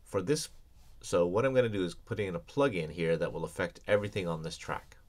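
Deep-voiced man teaching an audio tutorial. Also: animated, brisk, darkish tone. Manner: casual, explanatory, many ums and restarts. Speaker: audio production instructor. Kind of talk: screencast software tutorial.

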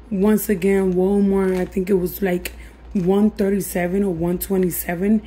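Raspy woman losing her voice, mellow sound, chatting to viewers in a casual cooking vlog. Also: mid-range voice, poor audio. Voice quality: raspy, husky, breaking voice. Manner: addresses viewers familiarly, encouraging. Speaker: budget cooking vlogger. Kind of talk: casual chat to viewers over cooking demonstration. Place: home kitchen.

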